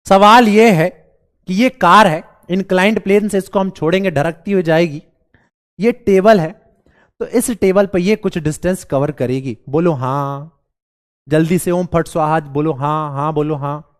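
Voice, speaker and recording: सर्दी से बैठे गले और खांसी वाला एक पुरुष शिक्षक, बिहारी लहजे में ऑनलाइन क्लास लेता है, बच्चों को मज़ाकिया ढंग से मनाता और सवाल बार-बार दोहराता है।. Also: male voice, high-pitched, measured pace. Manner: playful, coaxing, repeats questions to the class. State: hoarse with a cold, coughing. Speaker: teacher. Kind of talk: live online class.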